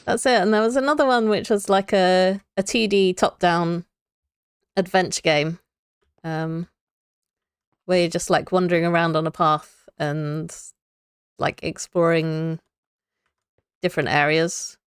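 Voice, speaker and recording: A woman's voice: on the low side, steady tone, a little slow, pauses often, clean tone, dry recording, studio quality. A young woman streaming a building game, chatting to viewers and thinking aloud as she builds, laughing often. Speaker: Minecraft streamer. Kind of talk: casual live gameplay chat.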